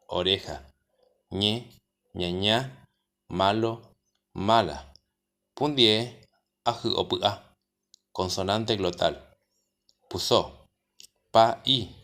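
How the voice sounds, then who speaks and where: A man with a Paraguayan Spanish accent reads a vocabulary list one word at a time. His voice sits very low, and he takes each word with careful, unhurried pauses. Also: fairly bright tone. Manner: slow, deliberate word-by-word dictation. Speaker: language teacher. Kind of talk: reading out a vocabulary lesson.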